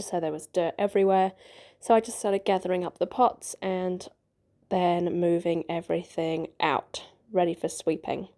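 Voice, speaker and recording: In a backyard greenhouse, a gardening vlogger in her thirties chats casually, rambling with plenty of ums. Her fairly low, slightly mellow voice sounds stuffy and nasal from a cold.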